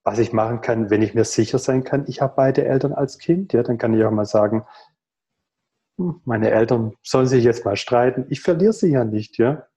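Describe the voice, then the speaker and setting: Man in his thirties on a video call, mellow and warm, thoughtful and earnest delivery with pauses. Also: mid-range voice. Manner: thoughtful, earnest, rhetorical questions, many pauses. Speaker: guest in a video call conversation. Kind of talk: reflective conversational explanation. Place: home room.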